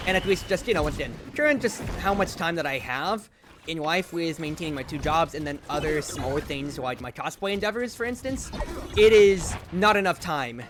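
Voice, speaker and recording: A man streaming a game, chatting casually and rambling, with loud outbursts when the play gets exciting. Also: a little high, a little fast, background noise. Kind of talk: casual gameplay commentary.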